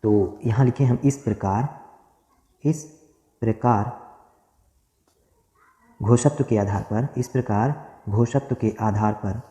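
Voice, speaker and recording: A man teaching a grammar lesson, dictating notes slowly, repeating phrases and asking questions that he answers himself. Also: fairly low pitch, mellow. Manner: repetitive, asks and answers his own questions. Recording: echoey room with long reverb.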